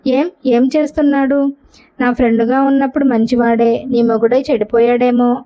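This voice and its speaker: A woman's voice: fairly high pitch, little pitch movement, moderate pace, natural voice. A woman voicing a blunt, teasing older brother in a storybook reading. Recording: dull lo-fi recording.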